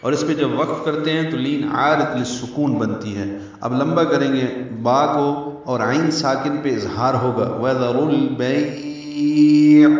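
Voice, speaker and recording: Male recitation teacher, deliberate lecture style, heard from a distance in a very echoey room. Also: medium pitch. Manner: slow, deliberate explanation, chanting example words. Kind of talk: tajweed lesson with recited examples. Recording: very echoey, distant, dull sound.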